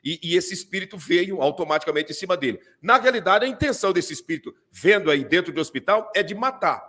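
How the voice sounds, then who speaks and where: A man with a Brazilian Portuguese accent, a pastor commenting on video clips during a live stream, animated and full of repeated fillers. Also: sits high, quick pace.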